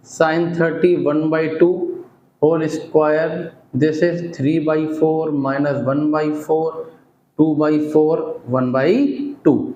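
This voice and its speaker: A man's voice: fairly high pitch, a little mellow, roomy sound, lo-fi sound, slight background noise. A man teaching a maths lesson, explaining each step in turn and mixing Hindi with English terms. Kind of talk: classroom maths lecture.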